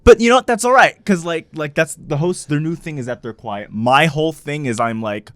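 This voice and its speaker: Loud, animated male podcast host. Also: on the high side, brisk, background noise. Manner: loud, animated, laughs often, many fillers. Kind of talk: casual podcast chat.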